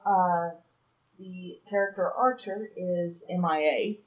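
A woman player in a tabletop game, recapping casually with relaxed fillers. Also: fairly low pitch, slow pace, poor audio.

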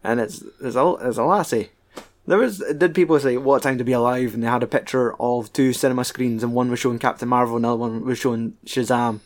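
A man's voice: mid-range voice, steady tone, fast. A Scottish man co-hosting a casual film podcast, rambling and joking with some swearing. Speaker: podcast co-host.

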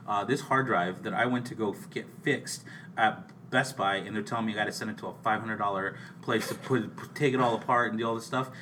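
A man's voice: lowish voice, fairly bright tone, recorded from a distance. A man co-hosting a podcast in casual chat, rambling along with frequent restarts. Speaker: podcast co-host. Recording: off-mic with faint background hiss.

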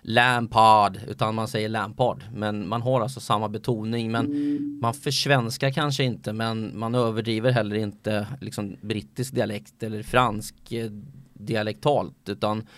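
A sports commentator talking in a casual podcast chat, hesitant and full of filler sounds. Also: male voice, on the low side, no room sound.

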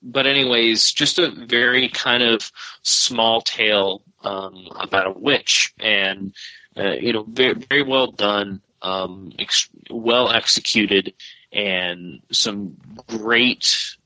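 A man with a very bright, forceful tone and a low-ish voice chats loosely as a podcast co-host. He rambles, restarts his sentences and leans on fillers, recorded close and dry on a call. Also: slow pace, no room sound. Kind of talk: casual chat. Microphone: remote call.

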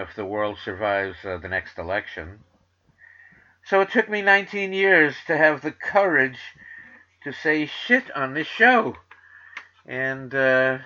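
Slow, bright-toned New York radio host. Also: male voice, mid-range voice. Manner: rambling, sardonic, many filler uhs. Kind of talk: casual monologue. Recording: dull lo-fi sound.

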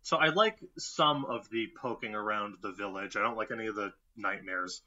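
A man co-hosting a horror film podcast in casual chat, wry and quick to laugh. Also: lowish voice, pushed and bright, dull audio. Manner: wry, laughs often, puts on mock voices. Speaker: podcast co-host.

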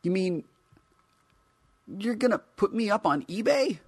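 A man's voice: sits high, lively intonation, a little slow, husky, pitched above the performer's own voice, full character voice. A man voicing a cranky, smug teenage boy action figure who whines and swears. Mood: outraged. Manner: whiny, bratty, profane.

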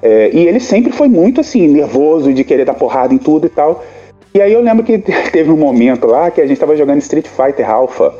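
A man with a very dark, mellow voice tells a story in loose podcast chat, animated and often stopping to restart his sentences. He sits a little above the usual male pitch. The sound is dull and lo-fi, with faint music underneath. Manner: animated, many halting restarts. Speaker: podcast co-host.

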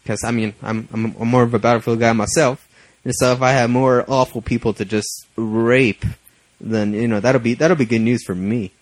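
A young man co-hosting a casual podcast chat, joking and teasing, often trailing off into a lower voice. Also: fairly even intonation, moderate pace, dry recording, low-quality recording. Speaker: podcast co-host.

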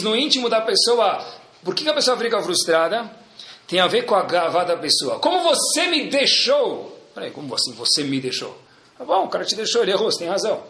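A man giving a lively religious lesson on the Talmud, acting out the people he quotes and addressing listeners directly. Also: fairly high pitch, echoey room. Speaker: religious teacher. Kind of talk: lecture on Talmud.

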